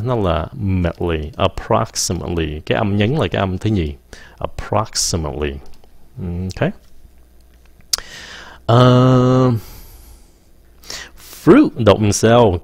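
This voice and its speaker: A man runs a casual live-streamed English pronunciation lesson, pausing to say words slowly and mixing English phrases into his speech. His voice is lowish with a darkish tone.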